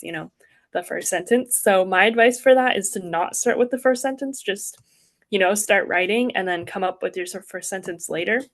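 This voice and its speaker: A young woman teaches writing in an online workshop, talking casually and with an upbeat tone, filling pauses with ums and likes. Her voice sits at an ordinary middle pitch for a woman. It comes through a video call.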